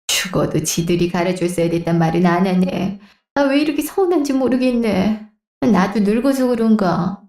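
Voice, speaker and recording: A woman's voice: mid-range voice, expressive, normal speed, mellow, no echo, clean studio sound. A woman voicing a hurt, aging mother and grandmother in a Korean radio drama, sighing and plaintive.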